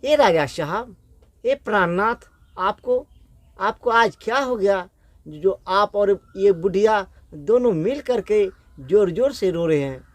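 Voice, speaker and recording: A man's voice: sits high, expressive, takes it slowly, dry recording. A man voicing a devoted, tearful queen who weeps along with her husband, in a spoken folk story. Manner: doting, tearful.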